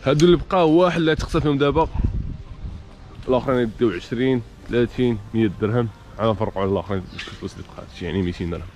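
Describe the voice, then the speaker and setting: A young man with a Moroccan accent hosting a challenge game, urging the players on with rapid repeated calls and frequent laughter. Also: mid-range voice, a little mellow, lo-fi sound. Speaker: host running a challenge game. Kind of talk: energetic game commentary.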